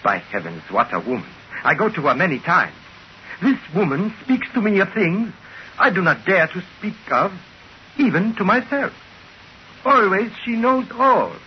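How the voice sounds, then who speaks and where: Fawning foreign trinket dealer. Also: male voice, high-pitched, normal speed. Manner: fawning, excitable, broken formal speech. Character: obsequious foreign male trinket dealer, sly. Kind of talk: 1940s radio acting. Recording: dull old radio broadcast with faint hiss.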